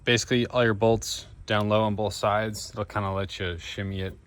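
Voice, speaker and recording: Working on his own car repair, a vlog host with a low voice talks casually to the camera in a level tone at normal speed. The setting is in and around the vehicle, where car and engine noise is constantly audible.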